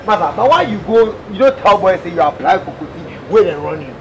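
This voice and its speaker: A man's voice: high-pitched, animated, fairly quick, slight background noise, low-quality recording. A teasing Ghanaian corner boy. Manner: teasing, laughing. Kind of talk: TV drama acting.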